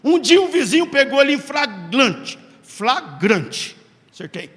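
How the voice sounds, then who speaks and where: A man preaching a sermon, telling a story with dramatic pauses and acted-out quotes. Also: very high-pitched, big pitch swings, fairly bright tone. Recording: long hall reverb.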